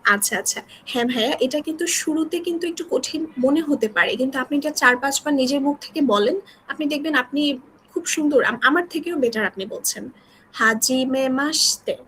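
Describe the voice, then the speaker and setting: A woman's voice: high voice, brisk, a bit bright, slight background noise, rough recording. Patient woman teaching a beginner class. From Bangladesh. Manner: patient, checks in often with students. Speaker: Japanese language teacher. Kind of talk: online beginner class explanation.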